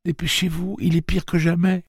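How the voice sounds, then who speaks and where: A man's voice: high-pitched, level tone, moderate pace, vocal fry, slight background noise, voice pushed up. A man voicing a small childlike train computer that urgently pleads for them to hurry.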